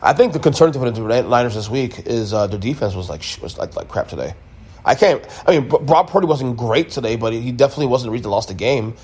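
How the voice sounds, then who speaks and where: A man's voice: mid-range voice, expressive, quick pace, a little mellow, husky. A man hosting a sports podcast, giving a casual, emphatic recap with blunt opinions and repeated points. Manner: emphatic, opinionated, repeats himself, mild swearing.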